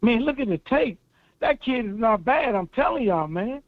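A man's voice: very high voice, expressive, moderate pace, no echo. A man calling in over the phone, an eager football fan chatting in slangy, casual talk. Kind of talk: casual sports chat. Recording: tinny dry phone line.

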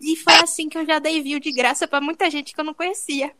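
High-voiced playful Brazilian woman. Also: quick pace, heavy background noise. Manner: playful, self-mocking, lively storytelling. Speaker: podcast host. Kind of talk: joking podcast monologue.

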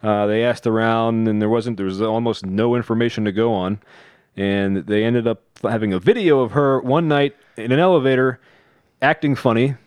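A man's voice: mid-range voice, fairly even intonation, normal speed, darkish tone, clear, resonant tone, dry recording. A man co-hosting a podcast, telling a story in casual chat with many restarts. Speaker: podcast co-host.

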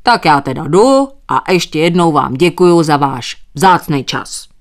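Stubborn, evasive old farmer man, as a woman puts him on in an audiobook, a bit high and loud. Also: expressive. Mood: sly. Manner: politely evasive, keeps thanking. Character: stubborn old male sheep farmer, polite.

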